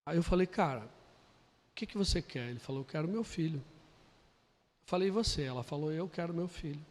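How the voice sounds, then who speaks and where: A Brazilian man preaching a sermon, telling a story quietly and then building to loud, emphatic preaching. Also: on the high side, animated, brisk. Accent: Brazilian Portuguese. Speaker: pastor. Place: church hall. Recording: long hall reverb.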